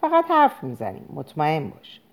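A woman's voice: deep voice, huge pitch swings, full character voice. Woman reading as a teasing, easygoing husband. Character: easygoing middle-aged husband and father, teasing.

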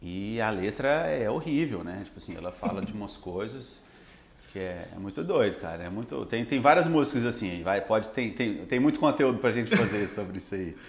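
A Brazilian man who teaches English, talking in a relaxed, rambling way with lots of fillers. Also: lowish voice, brisk, reverberant. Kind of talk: casual podcast chat.

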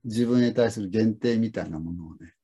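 With a fairly low, husky, mellow voice, a middle-aged lesson host keeps a casual conversation going. His storytelling is slow, reflective and meandering, peppered with pauses and fillers.

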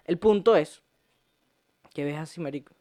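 A man's voice: fairly high pitch, normal speed, dark tone. Man, Venezuelan accent, young adult, podcast host, casual storytelling, profane, joking, frequent laughter. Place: home podcast set.

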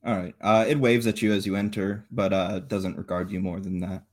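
Male game master, low voice, halting, improvised narration, explanatory. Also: little pitch movement.

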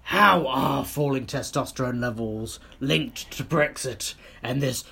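A man co-hosting a comedy podcast, delivering dry, sardonic one-liners in a deep baritone. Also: a little slow, vocal fry, breathy edge. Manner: dry, deadpan, sardonic quips. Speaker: podcast co-host.

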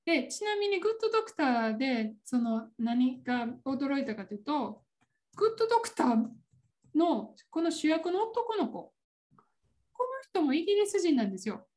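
A woman's voice: high voice, sing-song, moderate pace, a little mellow. A woman with a Kansai Japanese accent chatting casually on a podcast, laughing often as she explains. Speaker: podcast co-host. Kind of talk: casual chat.

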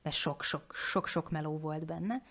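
A woman in her forties talking candidly on a podcast, frank and animated, swearing casually and restarting her sentences. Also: deep voice.

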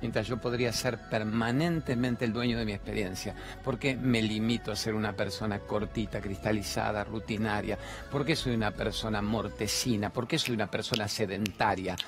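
Argentine male TV host, low-ish voice, emphatic and rhetorical, spiritual monologue in a big studio with faint music. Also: steady tone, moderate pace, few pauses. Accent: Argentine Spanish. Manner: emphatic, rhetorical questions, repeats phrases. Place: large TV studio.

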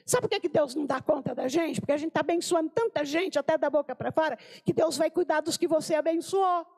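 High-pitched, gravelly, and fairly quick, this older Brazilian woman gives an informal sermon to women. She is animated, sharing anecdotes, exclaiming, and performing the voices of the people she quotes.

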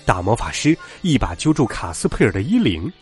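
A man reading a children's story aloud with expressive, animated narration. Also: mid-range voice, brisk. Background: faint background music.

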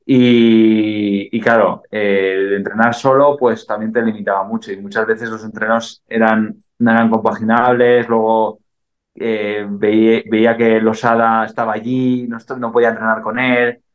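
A Spanish mountain bike racer appears as a guest on a casual podcast interview, his voice fairly low and flat at normal speed, with the highs cut off. He rambles, restarting often and laughing a lot.

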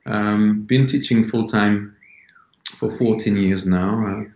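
A man in his forties from France, speaking as an interview guest in a relaxed, unhurried way with many ums. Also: lowish voice. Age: 40s. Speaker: yoga teacher guest. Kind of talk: casual interview talk. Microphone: remote call. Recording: dull, roomy call audio.

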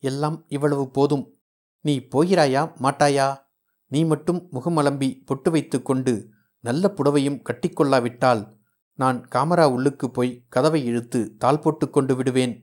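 A man's voice: mid-range voice, fairly even intonation, moderate pace, darkish tone, pitched above the performer's own voice, close to an everyday voice. A headstrong young bride-to-be who threatens to lock herself away unless her friend gets ready, as a man reading a novel puts her on. Her lines are insistent. They stay close to the reader's own voice.

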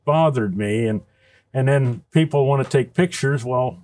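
A man's voice: mid-range voice, a little slow, darkish tone, natural voice. A man playing a kindly, jolly old Santa Claus, chatting casually and unhurriedly in character on a podcast, with chuckles. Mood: cheerful, pleased. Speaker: guest.

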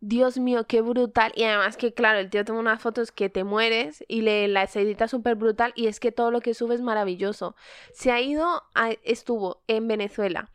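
A woman's voice: on the high side, a little fast, clear, resonant tone, no room sound. A woman, chatting casually on a podcast and acting out the dialogue in her stories. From Spain. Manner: animated storyteller, acts out quoted dialogue. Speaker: podcast co-host. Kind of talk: casual chat among friends.

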